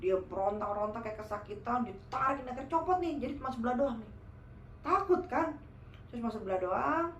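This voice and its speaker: A woman casually telling a true horror story, animated and speaking directly to her listeners. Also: a little high, a little fast, echoey room, muffled recording, a little hiss or hum. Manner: animated, addresses listeners as guys.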